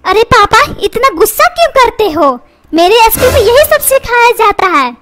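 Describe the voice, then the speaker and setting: A woman's voice: extremely high pitch, sing-song, normal speed, a bit bright, exaggerated voice. A woman playing a cheeky rude cartoon schoolboy. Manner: sassy, talks back, threatens. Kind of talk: comedy cartoon dubbing.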